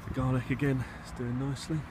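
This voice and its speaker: A fast-talking English gardening vlogger gives a low-key, rambling tour of his allotment and polytunnel with a flat delivery, hesitating slightly as he thinks aloud. His handheld device, held behind the lens, catches plenty of wind and background rumble.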